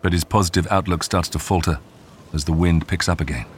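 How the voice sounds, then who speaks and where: A man giving measured, scripted narration of a true survival story. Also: low-pitched, a little hiss or hum. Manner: measured, even storytelling delivery. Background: faint music.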